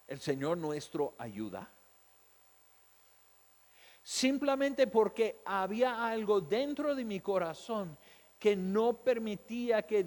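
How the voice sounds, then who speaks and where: A man with a high voice preaches at an unhurried pace, sharing a personal testimony. He throws out rhetorical questions and briefly mimics the doubting voices of his listeners. His words ring out with a long reverb, as in a large hall. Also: a little mellow. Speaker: pastor. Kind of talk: sermon.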